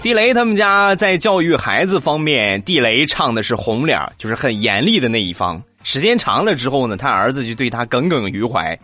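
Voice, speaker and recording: A man's voice: medium pitch, sing-song, brisk, few pauses, pushed and bright, dry recording, faint music behind. A man hosting a comedy show, telling funny stories and switching voices for each character. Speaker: radio comedy host. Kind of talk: comic storytelling.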